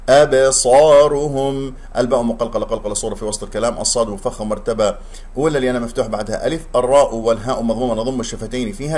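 A man teaching tajweed. He explains pronunciation rules quickly, then recites words slowly and drawn out. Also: mid-range voice, darkish tone, breathy edge.

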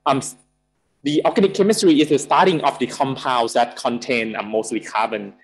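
A man's voice: medium pitch, faint music behind, poor audio. Thai guy in his 30s giving a chemistry-style lecture over a video call, lots of um and uh, keeps restarting. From Thailand. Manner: halting, many fillers and restarts. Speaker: guest lecturer. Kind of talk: academic lecture.

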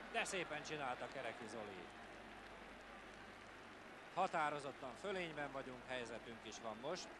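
A man giving excited live Hungarian football commentary, calling player names in clipped phrases and swinging into exclamations. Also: mid-range voice. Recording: noisy vintage TV broadcast from stadium. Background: stadium ambience.

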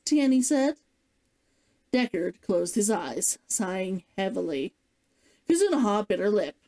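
Woman reading a story aloud, mellow and lively. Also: mid-range voice, unhurried. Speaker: streamer reading a novel aloud. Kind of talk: scripted storybook narration, audiobook-like.

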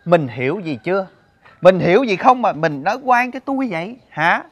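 A man's voice: high-pitched, very animated, brisk, dry recording. A man playing a flustered friend in a stage comedy sketch, defensive and pleading.

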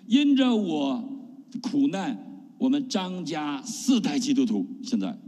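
Animated middle-aged preacher in reverberant hall. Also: male voice, on the high side, a little slow. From China. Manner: animated preaching with rhetorical questions. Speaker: pastor. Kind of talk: testimony sermon.

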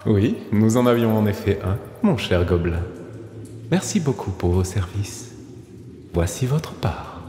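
A man voicing a sinister masked male wizard who speaks with mocking, menacing calm, heard with heavy echo and long reverb. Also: lowish voice, a little slow, a little hiss or hum, voice pushed up. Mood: mocking menace. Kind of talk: audiobook character voice.

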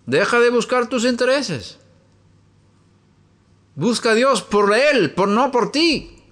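A high-pitched man with a bright, sharp tone gives a sermon-style teaching. He asks his listeners one rhetorical question after another and slips into homely stories from his own house. He speaks from an upstairs room at home. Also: expressive, slow pace. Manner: asks many rhetorical questions, then tells a homely story. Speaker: preacher.

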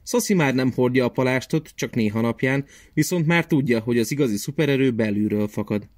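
A man reading a children's story aloud in an expressive, animated way. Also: medium pitch, dry recording, studio quality.

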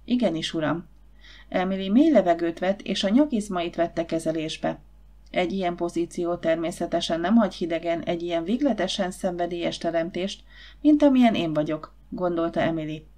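Woman narrating with a low voice. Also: dark tone. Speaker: audiobook narrator. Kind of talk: scripted narration.

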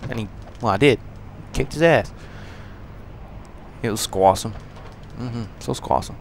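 A man plays through a video game and talks over it at a slow pace. He swears freely, jokes and mocks the enemies, and swings from quiet muttering to sudden loud outbursts. Faint game sounds sit behind his voice. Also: mid-range voice, creaky, a little hiss or hum. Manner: profane, joking, talks back to enemies. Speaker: gamer doing a walkthrough. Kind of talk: casual gameplay commentary.

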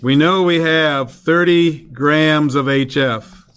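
Slow and a bit bright, a man's voice on the high side leads a chemistry lecture. He takes the class through a problem one step at a time, questioning the students as he proceeds.

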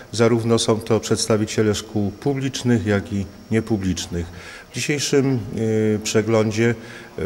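A middle-aged man, a festival organizer, explaining the event in an interview, measured and explanatory with hesitant fillers, recorded indoors on a handheld mic. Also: on the low side, a little mellow, slight background noise. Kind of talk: interview statement. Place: indoor hall, in front of a poster wall. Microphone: handheld mic held by a reporter. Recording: long hall reverb.

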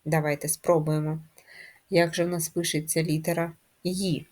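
A woman teaches first graders in a patient, sing-song classroom voice, asking the class questions and sounding out letters one at a time. Her voice sits a little low and has a soft, husky edge. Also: flat delivery, moderate pace. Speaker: primary school teacher. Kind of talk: slow, clear classroom instruction to young children.

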